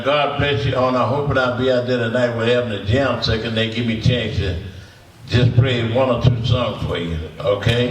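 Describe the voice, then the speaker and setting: A man's voice: mid-range voice, a bit bright, slight background noise. A man, a blues musician telling rambling stories to an audience, repeating words and chuckling as he goes. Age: 80s. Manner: folksy, repetitive, chuckling storyteller. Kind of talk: storytelling to an audience. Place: symposium hall. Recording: echoey room from far off.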